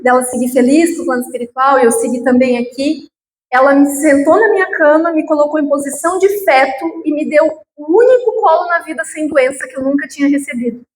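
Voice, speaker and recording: A woman with a high voice tells a deeply personal story to an audience, her words stretching into slow pleas and then climbing sharply. The sound is roomy and echoing, as if picked up across a lecture hall, with a faint hum behind her. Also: a little mellow. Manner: heartfelt, with slow drawn-out pleading phrases and sudden high emotional peaks. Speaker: guest lecturer. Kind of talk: emotional personal testimony lecture. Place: lecture hall of a spiritual group.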